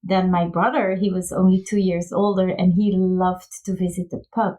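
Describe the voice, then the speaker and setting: A woman's voice: fairly low pitch, little pitch movement, moderate pace, mellow, low-quality recording. Chatty Belgian woman, guest on a podcast. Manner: chatty, laughs often, searches for words. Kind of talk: casual interview.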